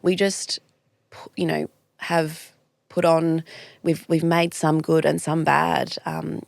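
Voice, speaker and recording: A woman's voice: sits low, level tone, takes it slowly, gravelly, dry recording. A woman, a guest talking earnestly and reflectively in a podcast interview. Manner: earnest, reflective, frequent restarts. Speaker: guest, clinical nutritionist.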